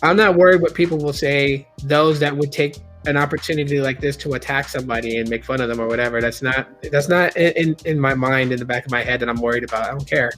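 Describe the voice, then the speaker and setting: A man's voice: medium pitch, fairly even intonation, fast talker, hardly any pauses, a bit bright, soft background music. A man in his late thirties hosting a live stream, talking candidly in a rambling, casual way with many restarts and reading chat aloud. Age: 30s.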